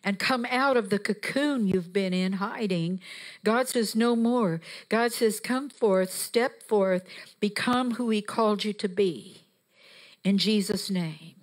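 Fervent woman preaching in a church. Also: mid-range voice. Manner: fervent, emphatic, rising to exhortation; walks the stage while preaching. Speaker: guest preacher. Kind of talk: sermon. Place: church sanctuary, mid-sized, indoors. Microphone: handheld microphone.

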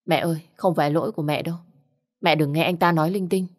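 Woman doing a worried younger sister, low voice, begging. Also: steady tone, fast talker. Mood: pleading. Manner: pleading, urgent. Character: anxious caring younger sister.

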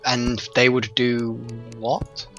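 A man's voice: mid-range voice, completely flat delivery, takes it slowly, a bit bright, faint music behind. A man chatting casually while playing a co-op game, exasperated and self-mocking. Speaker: gaming commentator. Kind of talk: casual gaming chat.

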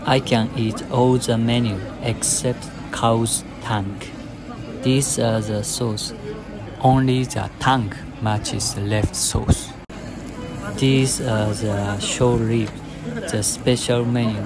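A young man vlogging in a restaurant, explaining the dishes in slow, simple, short sentences. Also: mid-range voice, steady tone, music in the background, low-quality recording. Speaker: food vlogger. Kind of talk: narrating a restaurant meal. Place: yakiniku restaurant, indoors.

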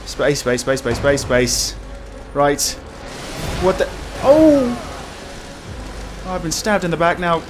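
With music playing behind him, a man with a slightly high voice speaks at a measured pace. He's a horror game streamer doing a casual let's play, scared and jumpy, exclaiming and swearing as he goes.

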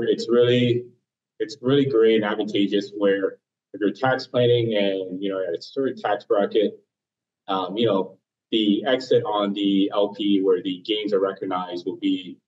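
Low-voiced male webinar panelist, hesitant, on a dull underwater-sounding remote mic. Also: a little mellow, distant mic. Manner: hesitant, full of "um" and "you know". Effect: muffled, underwater-sounding remote mic. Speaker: investment panelist. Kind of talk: webinar explanation. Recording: muffled lo-fi call audio, off-mic.

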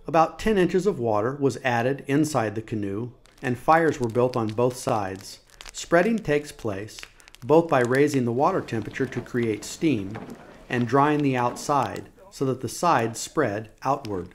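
A man giving measured, scripted documentary narration in an even voice. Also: mid-range voice, slight background noise.

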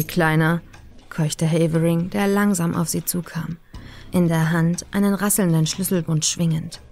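A woman narrating a horror audiobook in a measured, ominous manner. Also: on the low side, vocal fry, background noise. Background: faint eerie music.

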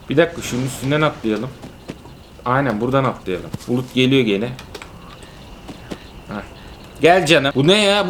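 A man's voice: on the high side, fairly bright tone, a little hiss or hum. A young father hosting a casual let's-play, reacting with dramatic exclamations and teasing. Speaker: father and gaming channel host. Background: background music.

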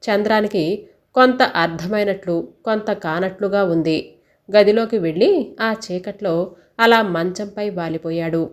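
A woman reads a story aloud at a steady, expressive pace. Her voice sits in a middle pitch range. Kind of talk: story reading.

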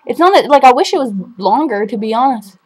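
A woman's voice: on the high side, lively intonation, fast talker, low-quality recording. Rambling young woman vlogging at home. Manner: rambling, heavy on "like", swears freely. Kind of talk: casual chat.

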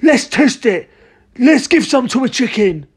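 Reader putting on an excitable, high-pitched blustering older man. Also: normal speed, slightly rough, exaggerated voice. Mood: excited. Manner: exclamatory, urgent, theatrical.

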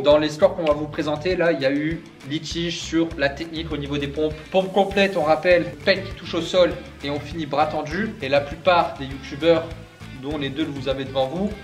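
A playful young man with a fairly high voice co-hosts a fitness challenge ranking, joking casually to a camera a few metres away. His intonation stays fairly even and his pace is moderate. The indoor gym gives a roomy echo, with music playing behind him.

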